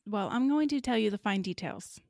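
A woman hosting a podcast recounts a strange story in relaxed, chatty speech. Her voice sits at a middle pitch and the recording is dry and close. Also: a little fast, gravelly, no room sound. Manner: chatty, laughing, enunciates carefully. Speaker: podcast co-host. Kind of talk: casual storytelling chat.

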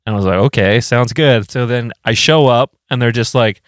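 A man co-hosting a podcast in casual chat, telling stories with a laugh and jumping to a high pitch when he quotes people. He is a band musician. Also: normal speed, no echo, studio quality. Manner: laughing, animated storytelling with jumps to high pitch when quoting. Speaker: podcast co-host.

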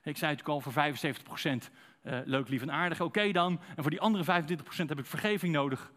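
Male preacher, slightly high voice, chatty sermon style, speaks straight to the congregation with rhetorical questions. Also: fast, fairly bright tone. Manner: conversational, addresses congregation directly with rhetorical questions.

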